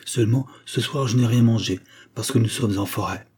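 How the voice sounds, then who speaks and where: A man's voice: mid-range voice, fairly quick, a little mellow, husky. A man voicing a poor wandering little girl in a storybook reading, pleading in a raised, childlike voice.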